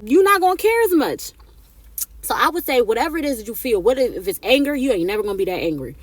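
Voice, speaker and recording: A woman's voice: fairly high pitch, very animated, fast, no echo. A woman in her thirties giving casual life advice to camera, chatty and repetitive, often tagging her points with "right?" or "okay?". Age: 30s. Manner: chatty, repeats herself, tags lines with "right?" and "okay?".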